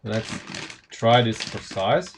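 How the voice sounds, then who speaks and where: A man's voice: mid-range voice, lively intonation, slow, a little hiss or hum. A man from Slovenia with a Slovenian accent, chatting casually on a live stream while building Lego, thinking aloud with lots of fillers and restarts.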